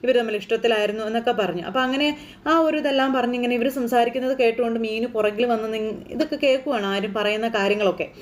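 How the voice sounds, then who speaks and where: A woman from Kerala walks through a TV serial episode scene by scene in a loose, conversational way. She talks fast, her voice sitting a little high. She rambles and keeps checking in with the listener. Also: steady tone. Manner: chatty, rambling retelling with frequent "you know" tags. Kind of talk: casual spoken recap of a TV serial.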